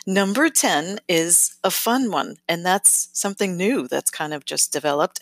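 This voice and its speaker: A woman hosting a podcast, giving casual advice in a chatty, self-correcting way and often checking in with "okay?", with lively, sing-songy emphasis. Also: lowish voice, no room sound. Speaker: podcast host.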